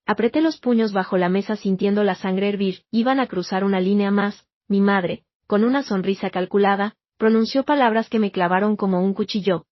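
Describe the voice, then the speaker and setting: A woman narrating a first-person family story in an even, measured way. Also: mid-range voice, dry recording. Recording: dull, dry lo-fi recording.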